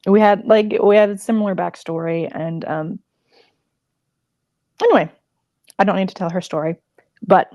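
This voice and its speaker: A woman's voice: lowish voice, a little mellow, no room sound, clean studio sound. A woman crochet designer chatting casually on a livestream, rambling and emotional with many fillers.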